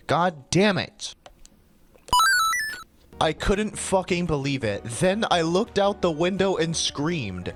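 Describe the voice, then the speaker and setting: A man hosting his channel, reading fan fiction aloud with swearing and exasperated asides. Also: medium pitch. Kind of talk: comedic dramatic reading.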